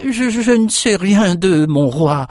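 A man's voice: high voice, lively intonation, slow, a little mellow, dry recording, studio quality, pitched above the performer's own voice. A man voicing an old, lame male cook, a slave who stammers and begs in fear. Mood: terrified pleading. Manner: stammering, begging.

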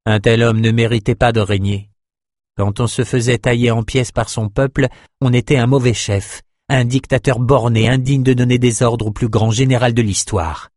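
A man narrating a fantasy novel in a steady, measured audiobook reading. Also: mid-range voice, no room sound, studio quality.

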